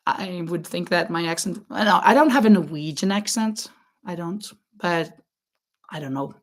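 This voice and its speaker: She speaks a little slowly in a fairly low voice with a non-native English accent. As host of a casual crochet live stream, she chats loosely with viewers, laughs often and pauses to search for words.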